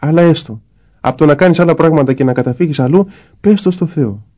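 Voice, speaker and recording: A priest speaks in a warm, mellow voice that sits a little high for a man. He explains his thoughts patiently in conversation and slips into brief acted-out exchanges to make his points. The sound is slightly muffled, as in a broadcast recording. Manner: explanatory, acts out little dialogues. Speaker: Orthodox priest guest. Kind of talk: spiritual talk in conversation.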